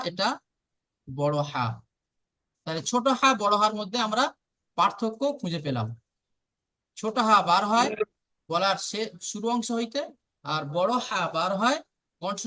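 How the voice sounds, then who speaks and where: A man's voice: high voice, animated, measured pace, pauses often, bright, forceful tone. A man patiently teaching Arabic letter sounds in an online lesson, repeating and drilling each sound aloud.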